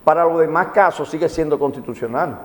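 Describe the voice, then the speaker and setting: Speaking a little fast in a fairly high voice, this magistrate comments on law for a television show, teaching didactically and going back over his main points. He has the Caribbean Spanish accent of the Dominican Republic, and the recording echoes as if in a hall.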